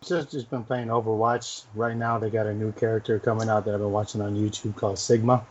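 A man's voice: fairly low pitch, little pitch movement, fairly quick. A man chatting casually as a podcast co-host. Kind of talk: casual chat. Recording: slightly dull, lo-fi podcast audio.

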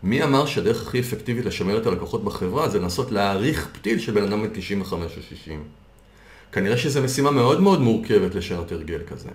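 A man's voice: fairly low pitch, lively intonation. A man coaching on a podcast, patiently explaining ideas through worked examples. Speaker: coach and consultant. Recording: roomy echo.

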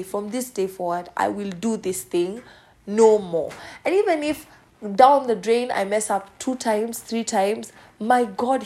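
A woman's voice: mid-range voice, dark tone. A middle-aged woman hosting a devotional podcast, talking earnestly in a preachy way. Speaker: podcast host.

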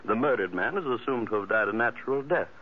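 An actor playing a smug, genteel murderer in an old radio drama, measured and politely menacing. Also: male voice, mid-range voice, animated, close to an everyday voice. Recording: thin, phone-like old radio recording.

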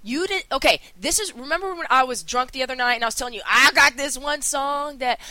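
A woman's voice: high voice, animated, fast talker, sharp tone, no room sound. A woman co-hosting a podcast in casual chat, blunt and outspoken, swearing freely. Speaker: podcast co-host.

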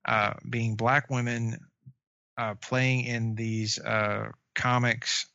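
A man co-hosting a casual chat about comic book shows, halting and full of fillers and restarts. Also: medium pitch, level tone, creaky, pushed and bright, dry recording. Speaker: podcast co-host. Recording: dry, dull lo-fi sound.

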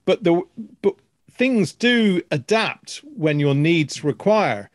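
Older man, higher voice, dry sound. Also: lively intonation, slow pace, dry recording. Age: 50s or older. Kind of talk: casual conversation, reassuring advice.

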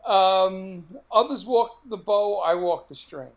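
Male podcast co-host, Brooklyn accent, middle-aged, casual talk, raised pitch with plenty of fry. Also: slow, a bit bright. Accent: Brooklyn, New York.

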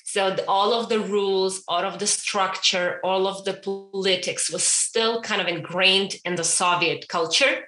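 A woman's voice: medium pitch, fairly even intonation, unhurried, hardly any pauses, sharp tone, echoey room, faint music behind. A woman in her thirties from Ukraine, a hypnotherapist and interview guest who talks in a chatty way, with fillers like "you know". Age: 30s. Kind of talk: casual interview.

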